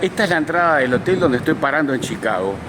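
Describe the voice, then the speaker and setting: A man's voice: on the high side, very animated, fast talker, very noisy. A man narrating a travel vlog in a chatty, enthusiastic way, explaining sights as he walks around a city outdoors. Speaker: travel vlogger. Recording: music playing under the voice.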